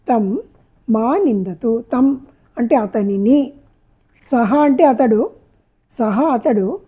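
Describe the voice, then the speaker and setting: A woman teaches Sanskrit in a high, mellow voice with a husky edge. She repeats each phrase and glosses it patiently, as in a calm classroom lesson. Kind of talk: slow spoken language lesson, explaining Sanskrit phrases in Telugu.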